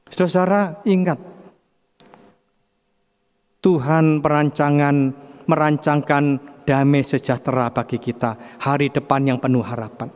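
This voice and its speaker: Male preacher with a high voice, emphatic sermon delivery, long reverb from a large church hall. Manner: emphatic, keeps addressing the congregation as brothers and sisters.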